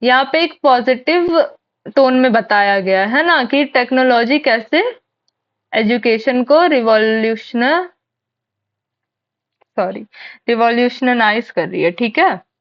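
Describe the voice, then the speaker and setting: A woman's voice: on the high side, expressive, takes it slowly, pauses often, highs cut off. A woman teaching an exam-prep lesson, explaining step by step and asking and answering her own questions. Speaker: English teacher.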